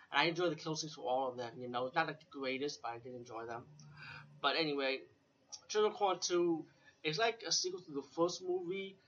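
A man's voice: fairly high pitch, pushed and bright. A man giving a casual, rambling, unscripted video review as host, informal and repetitive, with some swearing. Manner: informal, profane, repeats himself and often adds "you know". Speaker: host of a horror film retrospective review. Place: room with a fan or air conditioning running. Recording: dull lo-fi, air conditioner fan running nearby.

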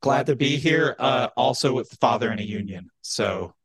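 A man's voice: medium pitch, moderate pace, gravelly, no echo. A man talking through a voice changer that disguises his voice, a podcast guest chatting casually with dry, wry humor. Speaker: podcast guest, entertainment data analyst.

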